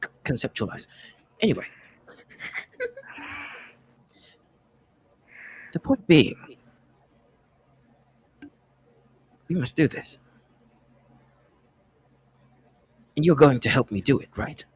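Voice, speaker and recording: A man playing a blunt, scheming man, talking quietly and matter-of-factly. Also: mid-range voice, lively intonation, quick pace, husky. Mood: insistent. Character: blunt scheming man leading a grim plan.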